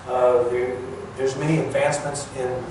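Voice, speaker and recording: Recorded from a distance with noticeable background noise, this clip captures an older man, once an air traffic controller, giving a casual public talk about his working life in a big, echoing museum hall. His mid-pitched voice is plain and hesitant, and his delivery stays flat.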